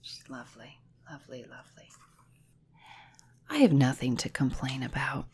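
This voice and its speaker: Soft, breathy low-voiced woman whispering. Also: lively intonation. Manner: slow, hushed, half-whispered delivery. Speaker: hypnotherapist. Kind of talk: soft-spoken ASMR reading.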